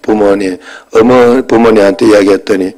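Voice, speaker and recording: A pastor in his fifties preaching a sermon and telling a personal story in a conversational way. His voice jumps from loud bursts to quiet asides. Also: on the low side, steady tone, normal speed, poor audio.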